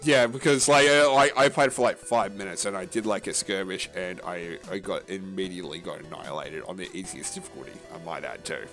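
A man's voice: deep voice, fairly even intonation, a bit bright, faint music behind. Rambling casual man on a gaming podcast. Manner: rambling, halting, with many fillers and restarts; casual and profane. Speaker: podcast co-host.

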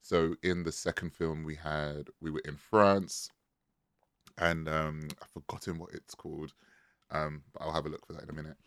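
A man's voice: rumbling low, little pitch movement, brisk, a bit bright, dry recording. A man hosting a casual film discussion, hesitating often with lots of filler words like um and like. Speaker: podcast host.

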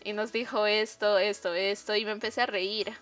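A woman's voice: medium pitch, normal speed, soft background music. Chatty woman telling a work story. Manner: animated, lots of fillers and asides to listeners. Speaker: podcast guest. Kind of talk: casual storytelling.

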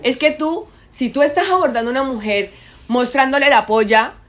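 Woman arguing her point hard, kinda high voice, keeps repeating herself. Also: animated, normal speed, a bit bright. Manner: emphatic, insistent, repeats herself. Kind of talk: casual debate.

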